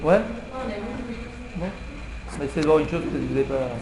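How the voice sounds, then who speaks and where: A rabbi with a high voice tells the story to a small class in a lively way and plays out the king's pleading. The room rings with echo, and a faint hum runs underneath. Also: fairly quick. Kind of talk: Purim Torah class.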